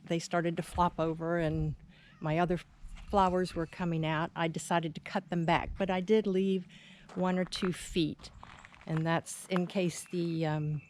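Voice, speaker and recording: An American woman narrating an informative garden tour in plain, measured phrases, unscripted, as a home gardener. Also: lowish voice, darkish tone. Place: outdoors in a home front garden. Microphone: handheld camera's built-in mic. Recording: outdoor handheld recording with ambient noise.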